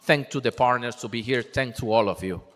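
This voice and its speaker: A man's voice: medium pitch, fairly quick, a bit bright. A man giving a passionate, rallying speech at a launch event, asking the crowd questions. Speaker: program presenter at a launch event. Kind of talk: speech to a live audience. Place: large conference hall. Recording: long reverb of an event hall.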